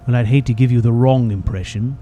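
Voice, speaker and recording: A man's voice: medium pitch, steady tone, fairly quick, mellow, lo-fi sound, slight background noise, lightly acted. A man playing a guarded, curmudgeonly adventurer in a game, speaking in a dry, formal and terse way. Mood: dry, aloof. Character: guarded, curmudgeonly male adventurer who craves silence. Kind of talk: video game character dialogue.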